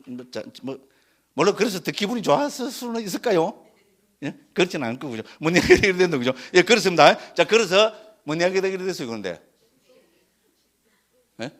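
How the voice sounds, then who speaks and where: A man's voice: on the high side, fairly bright tone. A man, a Buddhist monk giving a Dharma lecture in a conversational way, often asking the audience to agree. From Korea, Gyeongsang region. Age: 60s. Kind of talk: Dharma lecture with personal story.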